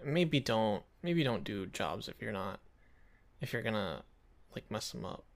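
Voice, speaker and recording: A man co-hosting a podcast, telling a cartoon plot in a relaxed, halting casual chat. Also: on the low side, creaky. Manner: laid-back, hesitant, many fillers and restarts. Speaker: podcast co-host.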